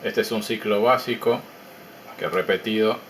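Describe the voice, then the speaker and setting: A man calmly narrating a technical demo of his electronics project in a measured, explanatory way with pauses. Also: lowish voice, over music.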